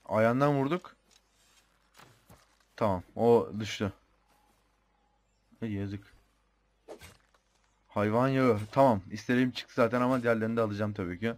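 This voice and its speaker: A man's voice: fairly low pitch, fairly even intonation, moderate pace, long pauses. A young man with a Turkish accent giving casual commentary on his own gameplay, chatty and thinking aloud, muttering the odd mild swear. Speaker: gamer.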